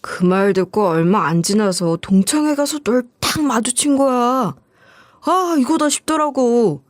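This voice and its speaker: A woman's voice: a little high, expressive, measured pace, dry recording. A woman voicing a greedy, scornful middle-aged ex-husband who wheedles and sneers in coarse speech. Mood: sneering.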